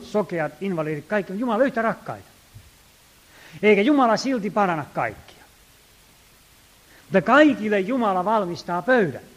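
A man preaching a sermon, reading scripture slowly and emphatically, with folksy storytelling asides. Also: high voice. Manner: slow, emphatic reading of scripture, rising loud on exhortations.

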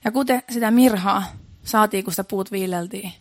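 A woman's voice: medium pitch, dry recording, studio quality. A woman preaching a sermon in an earnest, repetitive way, building emphasis as she goes.

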